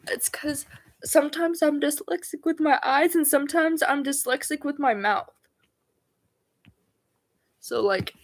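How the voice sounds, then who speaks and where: A woman livestreaming casually, rambling and stumbling over words as she reads homework aloud. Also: on the high side. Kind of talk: casual livestream chat while doing homework.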